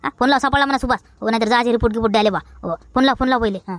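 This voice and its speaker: A woman's voice: on the high side, racing, no room sound, clean studio sound, lightly acted. A woman with a Vidarbha Marathi accent playing a bossy village woman in a rustic comedy sketch.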